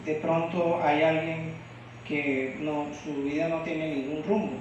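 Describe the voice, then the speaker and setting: A slow, deliberate male preacher from Venezuela delivers a sermon and keeps asking the congregation questions. His voice sits a little high for a man. It carries through a very echoey church from a distant mic, with a dull, muffled sound. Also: level tone, a little hiss or hum. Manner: asks the congregation frequent questions. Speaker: lay preacher.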